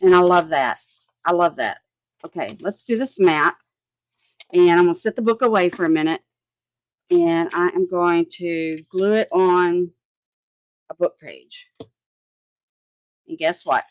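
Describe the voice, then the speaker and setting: A woman's voice: fairly low pitch, a little slow, pauses often, rough recording. A woman, chatting casually as she works on a craft project, thinking aloud, often laughing, and answering viewers' comments. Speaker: crafting livestream host.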